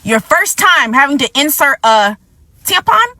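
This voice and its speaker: A woman's voice: high voice, sing-song, unhurried, pushed and bright, dry recording. A woman hosting a vlog, delivering impassioned commentary in a blunt, angry, profane way, repeating points for emphasis and fighting back tears. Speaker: vlog host.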